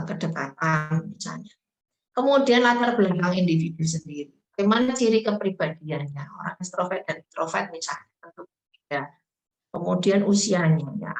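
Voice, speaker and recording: Woman, webinar lecturer, slightly low voice, patient explaining, echoey room. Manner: explanatory, frequent tag questions and fillers. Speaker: webinar speaker on trauma.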